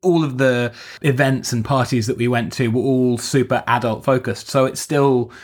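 A man's voice: mid-range voice, steady tone, moderate pace. Thoughtful man in casual book chat. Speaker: podcast co-host.

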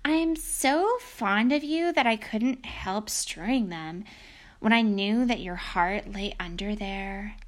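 A woman plays a young storybook princess in a cartoon princess manner. She speaks sweetly and artfully, coaxing with unhurried words. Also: mid-range voice, lightly acted. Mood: sweetly coy.

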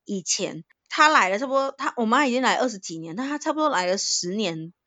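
Young Thai-born woman, native Thai, chatty co-host who laughs often; higher voice, dry close sound. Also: lively intonation, a little fast, bright, forceful tone, dry recording. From Thailand. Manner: explains at length with frequent laughs and restarts. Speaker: podcast co-host. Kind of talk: casual chat.

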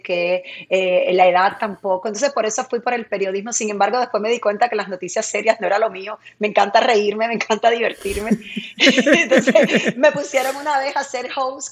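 Lively Cuban-born woman TV presenter. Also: medium pitch. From Cuba. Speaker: TV presenter interviewed as guest. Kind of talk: casual interview chat.

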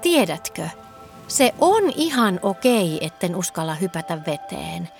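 A woman voicing a cheerful, excitable little girl in a children's story. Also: lowish voice, vocal fry, soft background music. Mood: thoughtful. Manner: bright, eager, squealing delight.

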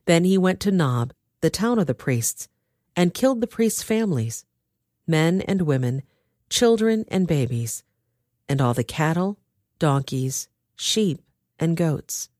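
A woman reading a Bible story aloud with expressive storytelling. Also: sits low, unhurried, no echo, clean studio sound. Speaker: scripture reader.

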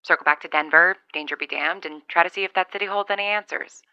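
A woman's voice: fairly low pitch, fast, clean tone, no echo. An actress playing a lone woman survivor keeping a log over a CB walkie-talkie, wry and rambling as she thinks aloud, in an audio drama monologue. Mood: musing. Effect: talking over a CB walkie-talkie radio. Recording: dull lo-fi radio sound.

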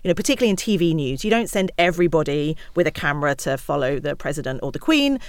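Fast-talking woman telling stories in an interview. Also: deep voice, smooth, no room sound. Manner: fast, animated storytelling with acted-out quotes. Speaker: guest. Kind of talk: conversational interview.

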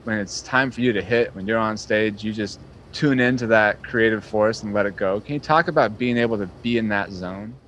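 A man with a lowish voice talks in an earnest, appreciative way, stopping and restarting his sentences as he asks a fellow musician about his craft. A faint ambient hum sits under his voice. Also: brisk, fairly bright tone, rough recording. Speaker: interviewer, touring musician. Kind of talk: casual interview chat.

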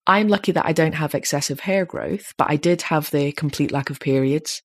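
A podcast host in her late thirties, with a slightly deep voice, chats casually and a little fast. She becomes animated whenever she drives a point home.

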